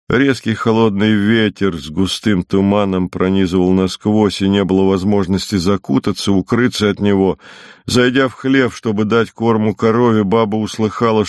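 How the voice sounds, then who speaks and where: A man reading classic prose as an audiobook narrator, in a calm, even storytelling manner. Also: fairly low pitch, no echo, clean studio sound. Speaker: audiobook reader.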